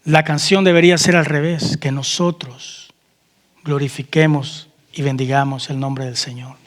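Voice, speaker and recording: A pastor preaches a sermon in a church hall, asking the congregation questions and calling out amen. His voice is a little high and steady, at a moderate pace, with a long reverb tail.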